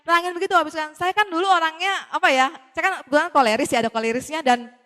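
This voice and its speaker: Fast, high-voiced woman telling a story. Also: long reverb tail. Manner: lively, acts out the dialogue as she tells it; addresses the audience often. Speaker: speaker giving a testimony. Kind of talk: storytelling talk to an audience.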